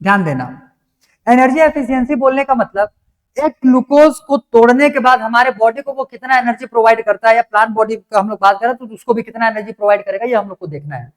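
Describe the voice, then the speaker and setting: A man, teaching a class. He works through each step slowly and often stops to ask whether the students follow. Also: very high voice. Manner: explains step by step, keeps asking if it is clear. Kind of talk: classroom lecture.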